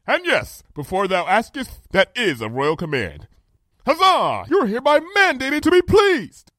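Man voicing Princess Luna, a high, imperious pony princess. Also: wildly swooping pitch, normal speed, pushed and bright, no echo, studio quality, full character voice. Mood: haughty, businesslike. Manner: grandiose archaic royal speech. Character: imperious, theatrical night princess pony, female. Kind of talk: dramatic audiobook character voice.

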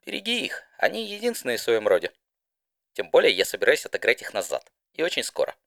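A man's voice: mid-range voice, wildly swooping pitch, fast, vocal fry, a bit bright, no room sound, clean studio sound, full character voice. A man voicing a confident veteran flier mare with a laid-back, teasing manner. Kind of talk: fan audiobook voice acting.

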